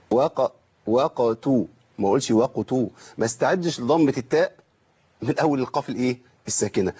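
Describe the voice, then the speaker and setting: A husky-voiced man with an Egyptian accent teaches Quran recitation at a brisk pace. He explains patiently and stretches sounds out slowly to show them, heard through a dull, lo-fi recording. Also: mid-range voice, darkish tone. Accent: Egyptian Arabic. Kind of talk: correcting a student's recitation.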